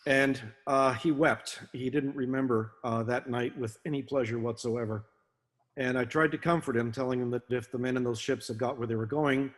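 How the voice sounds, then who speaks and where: A man giving a talk as a guest speaker, telling stories in a halting way with many fillers and restarts. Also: mid-range voice. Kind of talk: talk to a naval association, storytelling. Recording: long reverb.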